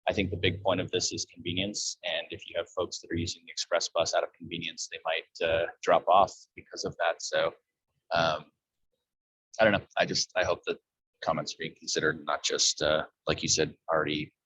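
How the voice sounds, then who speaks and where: A man's voice: low voice, level tone, a little fast, fairly bright tone, breathy edge, no room sound, rough recording. A man riding on a bus, giving a hesitant, spontaneous comment at a public hearing.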